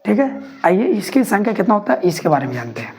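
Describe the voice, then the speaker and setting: A woman teaching grammar, dictating notes slowly and repeating each phrase for students to write down. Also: medium pitch, big pitch swings, darkish tone, a little hiss or hum. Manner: slow, repeats phrases word by word for note-taking. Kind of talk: dictation-style classroom lesson.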